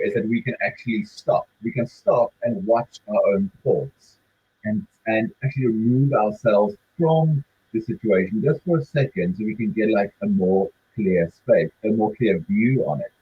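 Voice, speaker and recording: A man's voice: fairly low pitch, moderate pace, lo-fi sound, a little hiss or hum. A man presenting a webinar in a conversational way, often using filler words and asking rhetorical questions. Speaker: webinar speaker.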